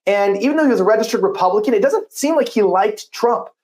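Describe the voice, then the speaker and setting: A man's voice: high-pitched, lively intonation, darkish tone. A man giving casual, skeptical political commentary and reading an ad. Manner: skeptical, conversational, quick asides.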